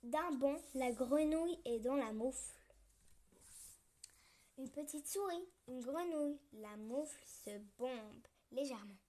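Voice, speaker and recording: Woman storyteller, high voice, slow, gentle, playful, children's story reading. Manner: gentle, with playful sound effects.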